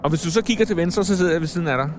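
A man who is an astronaut guest, calmly and quietly explaining a space-capsule simulator ride in a museum. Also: high voice. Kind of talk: casual explaining. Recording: loud background noise.

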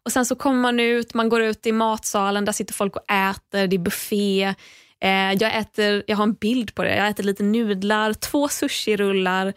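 A woman's voice: medium pitch, steady tone, clean tone, dry recording, clean studio sound. A young woman, a podcast guest, tells a story in casual chat, swears often and acts out what people said. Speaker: podcast guest, reality show contestant.

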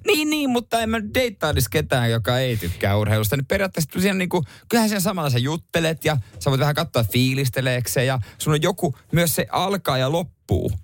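A man co-hosting a morning radio show, bantering in a lively, jokey way into a studio microphone. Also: on the high side, hardly any pauses, no echo. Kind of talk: casual radio chat.

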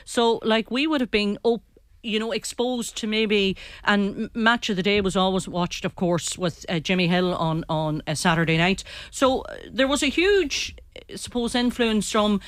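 Older Irish woman, north-west Donegal accent, clear voice. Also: mid-range voice, normal speed, no echo, clean studio sound. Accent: north-west of Ireland, Donegal. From East Donegal, Ireland. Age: 60s or older. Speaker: interview guest. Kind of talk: conversational reminiscence.

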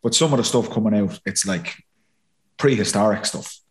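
A man with an Irish accent co-hosting a casual, opinionated discussion, halting and repeating words for emphasis. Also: lowish voice, lively intonation. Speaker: podcast host. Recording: roomy echo on the voice.

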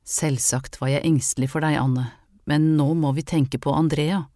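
A woman reading the part of a gentle, weary husband in an audiobook, speaking low and tender. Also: fairly even intonation, no room sound, clean studio sound. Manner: soft, low and tender, turning dark.

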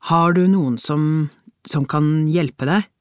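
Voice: mid-range voice, dry recording, clean studio sound, close to an everyday voice. A reader doing a matter-of-fact police colleague. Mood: businesslike. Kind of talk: audiobook character reading.

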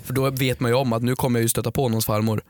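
A man co-hosting a podcast with a mid-pitched voice, blunt and playfully grumpy, who sometimes bursts into mock outrage. The sound is dry and close. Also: flat delivery, darkish tone, dry recording. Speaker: podcast co-host. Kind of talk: casual chat.

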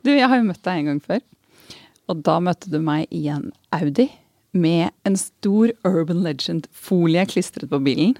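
A woman interviews a guest with lively, teasing questions. Her voice is low with a strong gravelly fry. It is recorded close and dry. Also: no room sound. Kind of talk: conversational interview.

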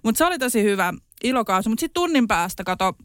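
A woman's voice: a little high, very animated, no room sound, clean studio sound. A young woman on a podcast telling her own story in casual chat, candid, laughing often and swearing freely.

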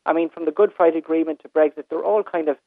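An Irish man phones in, his voice a bit high for a man and squeezed by a tinny line. He talks casually, with halting, informal phrasing. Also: fairly even intonation, no room sound. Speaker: phone-in caller, hospitality business owner or manager. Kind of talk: casual conversation. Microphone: telephone.

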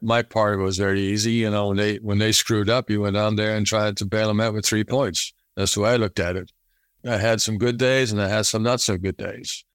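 A man's voice: lowish voice, steady tone, fairly quick, clean tone, no room sound, clean studio sound. A man, a former kicker, reflecting in an interview in short, plain statements.

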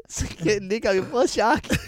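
A man's voice: extremely high pitch, big pitch swings. A man co-hosting a podcast, animatedly telling a funny story and laughing through it. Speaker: podcast co-host.

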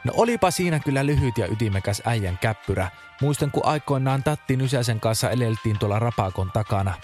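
A man hosting a comic radio show in a crude, deadpan way. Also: medium pitch, faint music behind.

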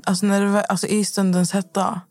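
A woman's voice: mid-range voice, flat delivery, darkish tone, no room sound. A woman co-host in casual conversation, hesitant and searching for her words. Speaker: podcast co-host.

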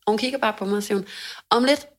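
A young woman co-hosting a casual chat, telling a story in an animated way, swearing freely and acting out quotes loudly. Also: mid-range voice. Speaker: podcast co-host.

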